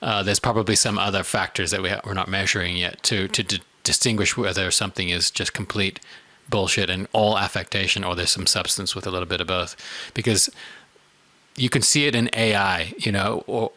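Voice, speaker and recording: A man's voice: sits low, steady tone, brisk, pushed and bright, dry recording. A South African man co-hosting a casual studio podcast, talking in a thoughtful, rambling way full of "you know"s. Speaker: podcast co-host.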